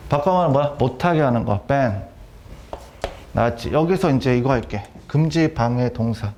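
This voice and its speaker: A middle-aged man lecturing on vocabulary and grammar, repeating key terms and quizzing students with quick questions. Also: medium pitch, lively intonation, noisy background. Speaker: academy director teaching vocabulary.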